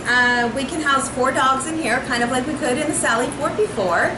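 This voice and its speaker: A woman in her forties, a rescue volunteer administrator, chats enthusiastically in a high voice at a moderate pace while giving an on-camera interview and tour of a small indoor kennel room. The room echoes, with music under the audio and a noisy background.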